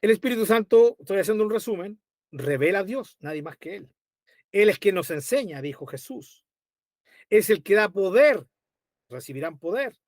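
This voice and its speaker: Lively, emotive man preaching. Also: high voice, normal speed, no echo, studio quality. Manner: animated, emotive, often says "brother". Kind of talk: Bible study sermon.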